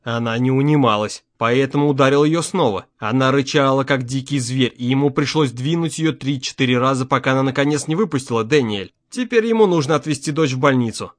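A man's voice: medium pitch, fairly quick, hardly any pauses, dry recording, studio quality. Man narrating a tense audiobook. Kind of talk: scripted narration.

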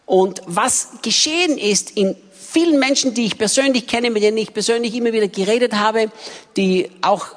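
A woman giving a sermon in animated storytelling style. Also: fairly high pitch, moderate pace. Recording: long hall reverb.

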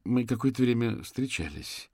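A man's voice: mid-range voice, animated, normal speed, mellow, slightly rough, dry recording, pitched above the performer's own voice. A man voicing a frightened young man under police questioning, stammering, shaky and close to tears. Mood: nervous.

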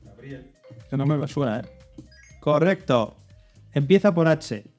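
A man's voice: fairly high pitch, expressive, measured pace, darkish tone, faint music behind. A man hosting a children's religious quiz show, reading out clues and coaxing the contestants with hints. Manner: reads clues then coaxes and hints. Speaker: quiz host.

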